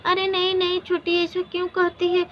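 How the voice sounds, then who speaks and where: A woman's voice: very high-pitched, completely flat delivery, normal speed. A woman voicing a meek, mistreated elder wife who pleads and laments. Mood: pleading. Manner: pleading, tearful. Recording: dull lo-fi recording.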